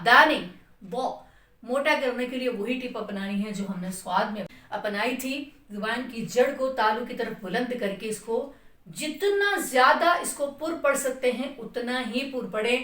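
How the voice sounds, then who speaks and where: Far from the mic in a reverberant room, a woman with a fairly high, bright voice and a Pakistani Urdu accent teaches Quran recitation. Explaining a letter's point of articulation, she patiently chants extended examples and keeps asking "theek hai" to make sure students follow.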